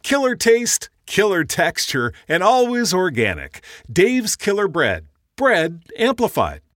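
A man giving a punchy, hyped sales pitch in the style of a supermarket announcement. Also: huge pitch swings, slow pace, a bit bright, dry recording. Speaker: commercial announcer. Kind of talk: mock supermarket announcement bread advert.

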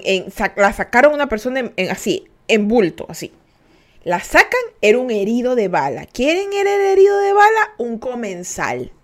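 A young woman from Ecuador, hosting a podcast and telling a story to listeners in a casual, animated way. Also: medium pitch. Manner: animated, acts out voices and laughs while telling. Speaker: podcast host.

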